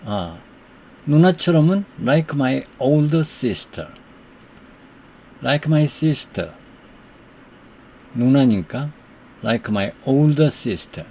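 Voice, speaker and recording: A man teaching English, who says the English example sentences slowly and deliberately and explains them more quickly. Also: medium pitch, very animated, darkish tone, slight background noise. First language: Korean. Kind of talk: slow explanatory lesson.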